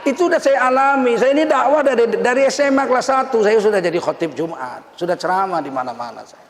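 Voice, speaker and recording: A man preaching a lively, humorous sermon, teasing and laughing as he mimics the people he mentions. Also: very high voice, quick pace, crowd noise. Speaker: Islamic preacher. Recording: echoey hall, faint ambience.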